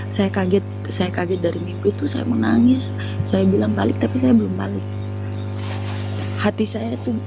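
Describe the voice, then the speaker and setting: A woman's voice: medium pitch, sing-song, normal speed, creaky, pauses often, low-quality recording. Woman giving earnest testimony over music. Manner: earnest, emotional storytelling. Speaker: interview guest giving testimony. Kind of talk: personal religious testimony.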